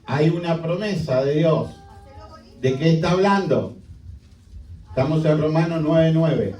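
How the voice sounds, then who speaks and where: Slow, mellow-voiced preacher man in echoey hall. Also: a little high, expressive. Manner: emphatic, full of rhetorical questions. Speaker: pastor. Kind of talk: sermon. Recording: echoey hall, distant mic.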